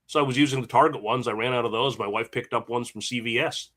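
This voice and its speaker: A man talks quickly in a bright, forceful voice as he tells a rambling story on a casual co-hosted stream. He is nursing a summer cold and has the hiccups. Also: mid-range voice, fairly even intonation. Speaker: co-host. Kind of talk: casual chat.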